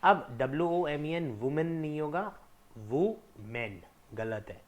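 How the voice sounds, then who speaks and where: A young man teaching English pronunciation, stressing each word slowly and setting wrong forms against right ones. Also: on the high side, animated. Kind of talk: explanatory lesson mixing Hindi and English.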